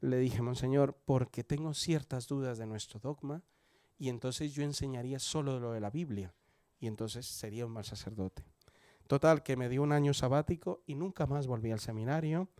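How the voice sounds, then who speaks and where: A man from Colombia, aged in his forties, testifies at a church service in a conversational tone, regularly asking the audience questions. He speaks at normal speed with a medium, darkish voice and a Colombian accent, and the clean studio recording has no room sound.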